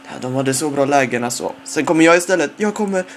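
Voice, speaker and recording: A young man talks through his own football video game match, excited and quick to exclaim. His pitch swings up and down constantly as the play unfolds. There is faint background noise. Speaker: gamer. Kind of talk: excited gameplay commentary.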